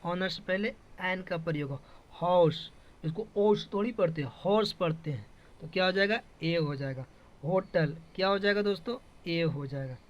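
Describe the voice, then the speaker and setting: Teacher, male, high voice, drills with repeated questions, dull lo-fi sound. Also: normal speed. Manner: repetitive questioning, drilling students. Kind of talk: classroom grammar lesson. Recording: dull lo-fi classroom recording.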